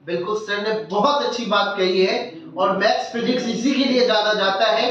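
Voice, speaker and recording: A man's voice: high voice, fairly even intonation, moderate pace, a bit bright, slight background noise. A man hosting a local news interview, speaking in an encouraging, formal presenter tone. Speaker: interview host. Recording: echoey, distant, dull room sound.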